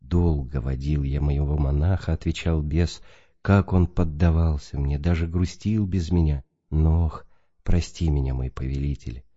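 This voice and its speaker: A man reading the part of a sly male demon who reports to Satan, in a low, even storytelling tone. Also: normal speed. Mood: fearful. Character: sly male demon, boastful then fearful. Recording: dull lo-fi recording.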